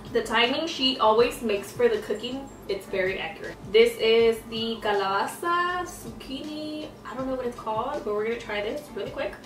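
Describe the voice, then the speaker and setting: Young woman, casual vlog chat, eating while talking, roomy room, soft music behind. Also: fairly high pitch, far from the mic. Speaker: vlogger.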